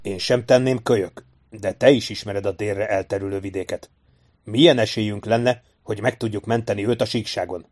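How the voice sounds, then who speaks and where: A seasoned manhunter with a fairly low voice, speaking gently and evenly with quiet, measured assurance, as a male reader puts him on. He sounds firm and unhurried, a storybook figure who never needs to raise his voice. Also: steady tone, close to an everyday voice. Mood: steady.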